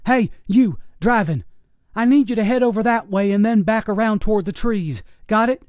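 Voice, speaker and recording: A man doing a frightened Navy SEAL barking clipped radio talk while on the run. The voice is pitched well above the narrator's own and sounds pressed and urgent, clearly a put-on voice. The reading is dry and close. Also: steady tone, moderate pace, darkish tone, dry recording, lightly acted. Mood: commanding. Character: shaken male Navy SEAL soldier on the run.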